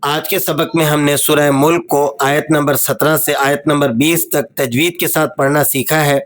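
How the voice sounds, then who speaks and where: A man teaching Quran recitation, with a Pakistani Urdu accent, explaining the rules quickly and then reciting verses slowly and melodically. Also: on the high side, steady tone, fairly bright tone. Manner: switches between quick explanation and slow, drawn-out melodic recitation. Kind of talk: tajweed lesson, explaining and reciting.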